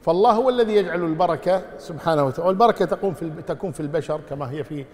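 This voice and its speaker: A man, an Islamic scholar, answering listeners' religious questions in a measured way, often adding pious formulas. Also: a little high, a little mellow, in a large hall. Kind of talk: religious Q&A lesson.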